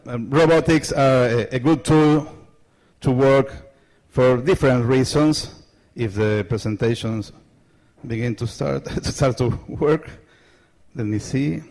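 On stage in a large lecture hall, an Argentinian presenter delivers a conference talk through a handheld microphone, his mid-range voice a bit mellow. He talks slowly, his non-native English halting and riddled with fillers and restarts.

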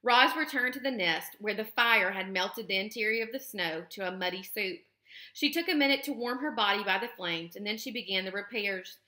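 A woman, a teacher, reading a children's book aloud with expressive, steady storytelling. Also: mid-range voice, fairly quick. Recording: roomy echo.

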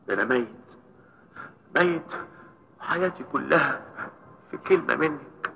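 An actor playing a deranged, tormented man in an Egyptian film melodrama, speaking Egyptian Arabic haltingly and obsessively repeating his words. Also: fairly high pitch, highs cut off, lightly acted. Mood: anguished, accusing. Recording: echoey hall with long reverb.

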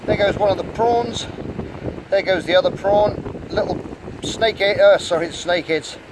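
At rocky beach rock pools, a middle-aged host with a higher voice quietly and enthusiastically chats at normal speed while showing small sea creatures for his casual nature vlog. He holds the camera in hand, and faint wind and water sounds stay behind his voice.

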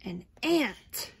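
A woman reading a picture book aloud to a child in a gentle, expressive bedtime storytelling manner. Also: high-pitched, a little hiss or hum. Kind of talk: soothing bedtime read-aloud.

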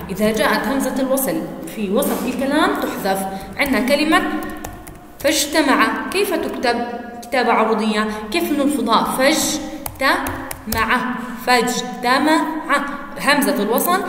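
A woman teacher with a Jordanian Arabic accent giving a lesson, spelling out words slowly and asking and answering her own questions. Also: high-pitched, expressive, a bit bright. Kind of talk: classroom lesson on Arabic prosody. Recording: echoey room with faint background noise.

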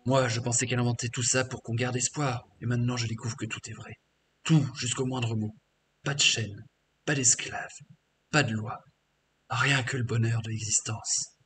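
A man's voice: medium pitch, flat delivery, moderate pace, a bit bright, a little hiss or hum, lightly acted. A man reading a scornful half-orc ex-slave. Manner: crude, scornful, boastful. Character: bitter defiant male half-orc ex-slave warrior mage. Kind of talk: reading game dialogue aloud.

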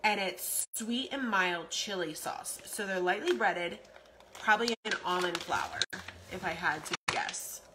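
A woman's voice: on the low side, measured pace, background noise. A woman in her forties chatting casually through a grocery haul in her home kitchen, rambling with lots of ums and repeats. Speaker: vlogger. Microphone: phone camera at arm's length.

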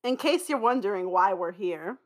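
With a medium-pitched, expressive voice at a moderate pace, a young woman co-hosting a podcast she helped create trades casual, dry, self-deprecating jokes and says thank you.

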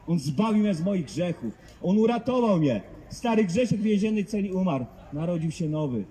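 A street preacher with a high, warm voice preaches the gospel outdoors in a public street, addressing passers-by fervently and emphatically and driving his points home with rhetorical questions. The rough recording has a little hiss or hum.

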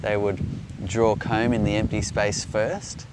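A middle-aged Australian man explaining things off the cuff in a measured, halting way, recorded outdoors. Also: lowish voice, flat delivery. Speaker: beekeeper, presenter answering viewer questions. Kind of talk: unscripted explainer talk. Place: outdoors on an open grassy hillside. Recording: outdoor recording with loud background noise.

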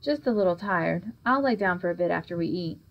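A gentle older woman from a storybook, voiced by a woman narrator. She sounds tired and speaks softly, in a low voice. The recording comes across slightly dull. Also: animated, a little fast. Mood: weary. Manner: soft, weary.

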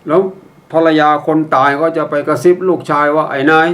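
An older man gives a patient instructional talk, walking listeners through each step. His voice sits a little high for a man. He drops in wry mock examples and keeps a courteous, measured tone. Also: flat delivery. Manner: polite, ends phrases with a courteous particle. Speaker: public speaking instructor.

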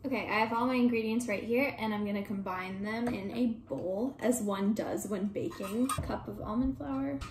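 A woman's voice: mid-range voice, moderate pace, hardly any pauses, noisy background. Chatty, playful woman vlogging at home. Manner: chatty, playful and self-deprecating. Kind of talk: casual vlog chat. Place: at home, bedroom and kitchen.

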